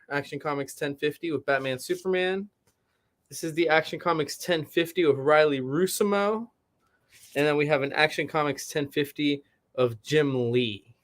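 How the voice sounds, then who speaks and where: A man hosting a shop livestream, informally rambling to viewers as he shows products in a casual chat. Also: a little high. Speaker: comic shop livestream host.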